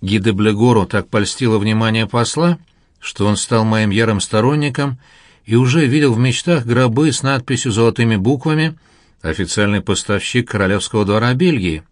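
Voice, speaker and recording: A man narrating an audiobook in a calm, measured storytelling manner. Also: medium pitch, no room sound, clean studio sound.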